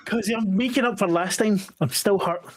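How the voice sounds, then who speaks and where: A man's voice: sits high, normal speed. A man playing a tabletop game, teasing the other players and laughing. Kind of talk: casual banter during a tabletop game.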